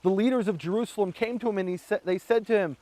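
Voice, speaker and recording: A Bible teacher tells stories from scripture and history, raising his voice to act out the shouted words of the people in them. He speaks quickly and animatedly in a fairly high voice, recorded close and dry without room echo.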